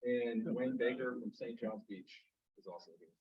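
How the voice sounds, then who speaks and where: A man's voice: mid-range voice, moderate pace, muffled recording. A man making club announcements and telling a story in a friendly, rambling way. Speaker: sergeant at arms. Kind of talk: casual club meeting announcements.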